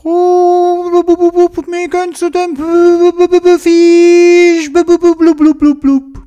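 A small storybook diver , as a storyteller puts him on, tries to speak underwater, so his squeaky words come out garbled and full of bubbles. The voice sits far above the teller's own. It is delivered with a slow, bouncy lilt. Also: little pitch movement, dark tone, soft background music. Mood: excited.

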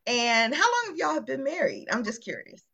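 A woman from Virginia hosts a podcast, chatting casually and asking friendly interview questions. Her high voice is gravelly, bright, and forceful with a breathy edge, big pitch swings, and a moderate pace, captured in dull lo-fi audio.

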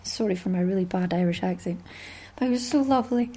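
Husky-voiced Scottish woman chatting. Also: medium pitch, fast, warm tone. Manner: chatty and rambling, with small laughs. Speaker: craft podcast host. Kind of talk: casual solo podcast chat.

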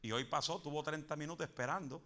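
Preacher guy, high voice, shouts when he gets going, mixes in english. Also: fast talker. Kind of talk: Pentecostal sermon.

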